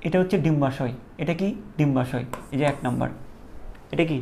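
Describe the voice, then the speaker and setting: Gravelly male teacher drilling terms. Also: on the high side, brisk, warm tone, slight background noise. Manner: drills terms in call-and-response, repeating each answer. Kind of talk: classroom lecture.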